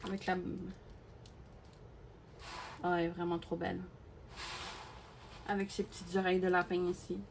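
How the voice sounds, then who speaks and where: A woman's voice: on the low side, moderate pace, creaky, long pauses. A woman, a crafting YouTuber, chatting casually to her viewers while unboxing and gushing with many fillers and repeated words. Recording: steady background noise with clicks.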